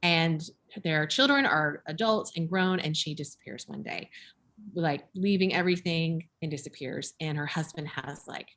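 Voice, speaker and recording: A woman who buys books for a shop, chatting over a video call in an animated way with quoted asides. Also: sits low, moderate pace. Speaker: bookshop book buyer. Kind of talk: casual book chat over video call.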